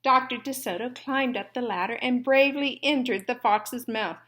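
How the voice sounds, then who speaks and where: A woman reading a children's story aloud and explaining it like a teacher, in a deliberate way. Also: fairly high pitch, a bit bright.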